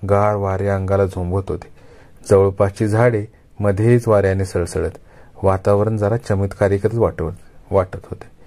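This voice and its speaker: A male storyteller reads a story aloud with measured, expressive phrasing. His voice is low-pitched and dark in tone. He builds the scene slowly and carefully. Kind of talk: Marathi kathakathan storytelling.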